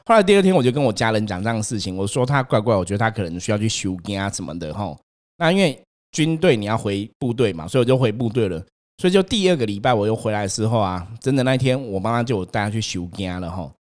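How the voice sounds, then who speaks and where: A young man, hosting a casual chat and telling his own ghost story in an animated way, acting out the voices in it. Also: quick pace. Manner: animated, acts out quotes, rises in pitch when scared.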